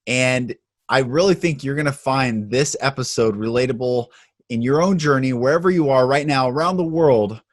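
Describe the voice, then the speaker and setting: A man's voice: medium pitch, normal speed. A man hosting a spiritual podcast, speaking in an earnest, heartfelt way and sending blessings to listeners. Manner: warm, earnest, blessing-filled delivery. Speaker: podcast host.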